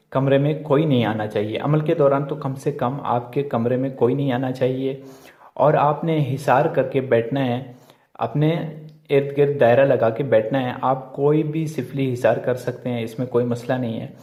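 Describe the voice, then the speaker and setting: A man of middle pitch walks his listeners through a procedure step by step, circling back and repeating each point. His voice sounds roomy and echoing. The recording is muffled and lo-fi. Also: darkish tone. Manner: repetitive, addresses listeners as friends. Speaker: occult ritual instructor. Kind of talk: step-by-step spoken instruction. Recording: echoey, muffled lo-fi room recording.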